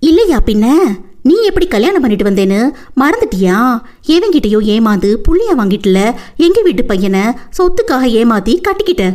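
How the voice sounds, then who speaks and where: A woman's voice: fairly high pitch, sing-song, brisk, darkish tone. A woman voicing a fierce old grandmother in an audiobook, scolding and accusing in a scornful tone.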